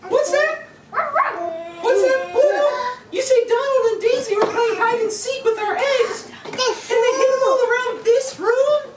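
Super squeaky happy mouse puppet for kids, far off mic, loud noisy room. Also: measured pace. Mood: upbeat, encouraging. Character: squeaky cheerful Mickey Mouse puppet leading children. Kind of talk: children's puppet show dialogue. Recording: distant echoey home room, very noisy. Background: children at a birthday party.

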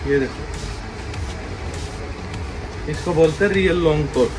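In a big indoor clothing warehouse, a young wholesale clothing seller delivers a pushy sales pitch for a video. His voice sits on the high side and his pace is measured, with music playing in the background.

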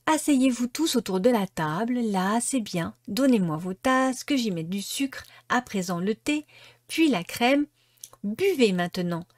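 A woman's voice: a little high, animated, measured pace, no room sound, studio quality. A woman reader voicing a spoiled, proud little girl who sounds gleeful and self-satisfied. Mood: pleased.

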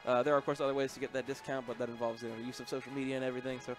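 A man's voice: medium pitch, level tone, racing, music in the background. A young man commentating a gaming tournament on a headset and promoting upcoming events, upbeat and rambling, with many fillers. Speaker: esports commentator and event organizer. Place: small game center room with shelves.

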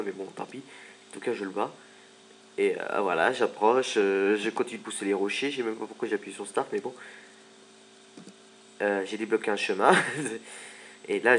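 A man's voice: lowish voice, slight background noise. A man giving casual gameplay commentary, chatty and joking as he plays. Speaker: let's play commentator.

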